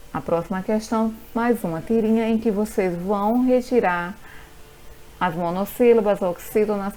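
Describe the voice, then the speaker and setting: A woman with a Brazilian Portuguese accent teaching a recorded grammar lesson, slowly going through examples one by one. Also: medium pitch, warm tone, rough recording. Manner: slow, patient, spells out examples one by one.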